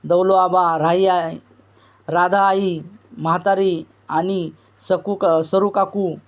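An anxious village messenger speaks in rustic dialect, voiced by a male narrator of a novel. The voice sits fairly high and keeps a plain storybook reading tone. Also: little pitch movement, slow pace, lo-fi sound. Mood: worried. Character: anxious village man bringing bad news.

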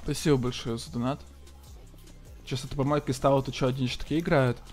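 Excitable, sweary male game streamer. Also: mid-range voice, fast, faint music behind. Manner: slangy, profane, excitable. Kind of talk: casual live gameplay commentary, thanking donors.

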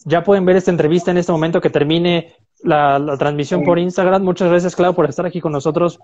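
A man's voice: fairly high pitch, steady tone, fast, darkish tone, highs cut off. A man hosting a casual interview, friendly as he thanks and promotes his guest. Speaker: interview host.

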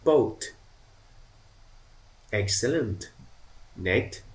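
A man teaching English to children, slow and encouraging and praising them often. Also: lowish voice, lively intonation.

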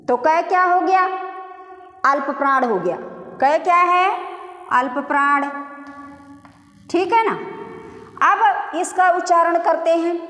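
A woman's voice: very high voice, fairly bright tone. A middle-aged woman teaching a Hindi grammar lesson, asking and answering her own questions and stretching out sounds to show them. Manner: drawn-out demonstration vowel sounds. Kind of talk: classroom-style lesson. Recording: echoey room reverb.

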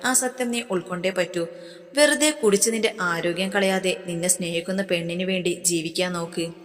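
Woman reads a firm young male friend lecturing in a storybook reading, lowish pitch, long reverb. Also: normal speed, soft background music, close to an everyday voice. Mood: scolding.

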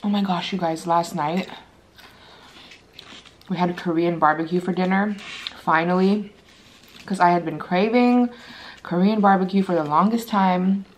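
A woman's voice: fairly low pitch, fairly even intonation, measured pace, long pauses, a little hiss or hum. A woman in her thirties chatting casually between bites as she crunches chips and chews, like a mukbang vlogger in a living room. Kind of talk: casual chat while eating.

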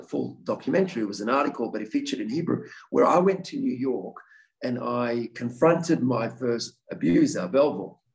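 A man's voice: medium pitch, gravelly, darkish tone, poor audio. Earnest man answering audience questions. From Australia. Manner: earnest, frequent restarts and repeated words. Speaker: guest speaker, victims' advocate.

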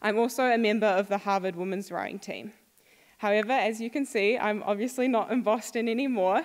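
Young New Zealand woman, former student, upbeat speaker, mid pitch, reverberant hall. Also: brisk. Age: young adult. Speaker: alumna speaker. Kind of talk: prepared talk to an audience. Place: school hall.

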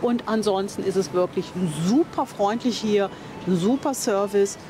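Music plays in the background as an older woman, talking at normal speed in a mid-range voice, shows viewers around a campsite outdoors. Her commentary is casual, chatty and enthusiastic, with plenty of thinking aloud and self-correction.

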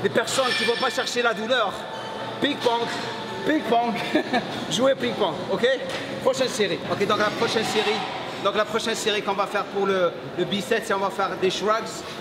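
A man's voice: high-pitched, normal speed, loud music behind the voice. A middle-aged man hosting a gym training vlog, coaching energetically and pushing his partner through sets. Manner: energetic, pushes with repeated "come on". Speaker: bodybuilding coach and channel host. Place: large busy indoor gym. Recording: echoey gym with loud background noise.

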